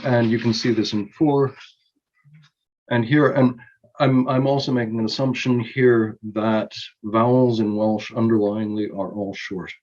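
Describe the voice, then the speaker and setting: Lo-fi, lowish man giving an academic talk. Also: a little mellow. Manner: measured, explanatory, with frequent ums and self-corrections. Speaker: conference presenter. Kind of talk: recorded academic conference talk.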